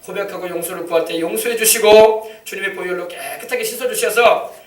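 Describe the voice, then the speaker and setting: Here a male pastor with a high voice delivers a sermon at a fairly quick clip, repeating himself emphatically and drawing responses from the congregation. It was captured in a church sanctuary by a distant mic, so the sound is echoey.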